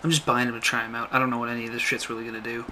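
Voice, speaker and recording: A man's voice: medium pitch, level tone, racing, bright, forceful tone. A man giving sweary, off-the-cuff gameplay commentary. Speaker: gamer, let's player. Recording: voice over noisy game audio.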